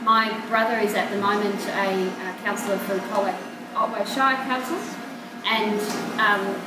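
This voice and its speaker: A woman's voice: medium pitch, fairly even intonation, a little slow. A woman in local politics, speaking earnestly and openly in an interview. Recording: echoey room, distant mic, loud background noise.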